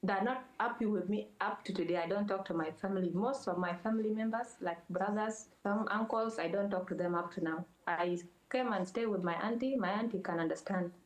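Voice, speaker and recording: A young woman from South Sudan, a model, answering interview questions in plain, earnest, halting phrasing. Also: medium pitch. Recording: roomy echo.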